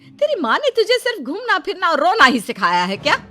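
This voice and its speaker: A woman voicing a bossy older mother-in-law in a cartoon story, taunting and sharp. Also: extremely high pitch, huge pitch swings, a little fast, full character voice. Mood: scolding.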